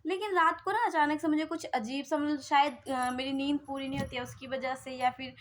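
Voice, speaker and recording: High-voiced young mother rambling casually. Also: fairly even intonation, brisk, a bit bright. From Himachal Pradesh, India. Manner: rambling with many fillers and restarts. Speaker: vlogger mother. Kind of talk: casual storytelling vlog.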